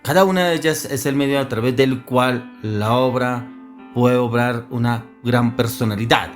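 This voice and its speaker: A man's voice: medium pitch, moderate pace, faint music behind. A man preaching a sermon, earnest and firing off rhetorical questions.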